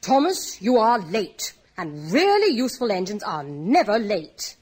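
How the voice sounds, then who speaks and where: A woman's voice: medium pitch, wildly swooping pitch, moderate pace, slightly rough. Woman putting on a bellowing pompous railway boss. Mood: furious scolding. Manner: shouting, stern. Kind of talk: comic storybook reading.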